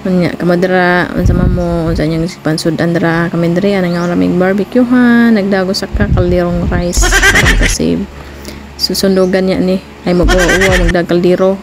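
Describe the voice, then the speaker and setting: A chatty woman in her thirties with a Cebuano accent, filming a family vlog on a phone held at arm's length. Her low voice has a gravelly edge, and she laughs easily. A lot of loud outdoor noise from a seaside barbecue spot at night sits under her voice. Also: level tone, normal speed. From Philippines. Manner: chatty, laughs often, mixes English phrases. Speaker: family vlogger. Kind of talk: casual vlog narration.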